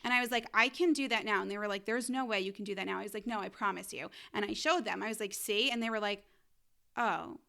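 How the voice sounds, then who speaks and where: A woman's voice: medium pitch, fast, creaky. A woman telling a personal story in a casual podcast chat, acting out what people said. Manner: animated storytelling, acting out quotes. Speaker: guest telling her birth story.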